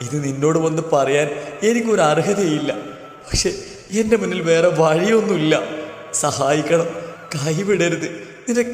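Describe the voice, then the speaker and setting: A man's voice: measured pace, pauses often, a little hiss or hum, lightly acted. A man voicing a distraught mother who pleads through tears in a storybook reading. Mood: pleading. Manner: high, pleading, tearful. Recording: roomy long reverb, faint music.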